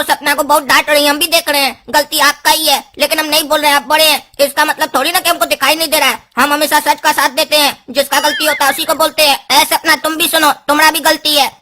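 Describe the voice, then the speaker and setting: A woman plays a young cartoon husband stuck between his wife and mother. His voice is high and bright, pleading and lecturing by turns. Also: level tone, quick pace, few pauses.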